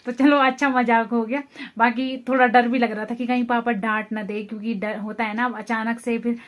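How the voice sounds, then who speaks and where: A young woman casually narrating her own vlog, calling out loudly to animals outdoors and going hushed while sneaking up. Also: a little high, level tone, moderate pace. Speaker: vlogger.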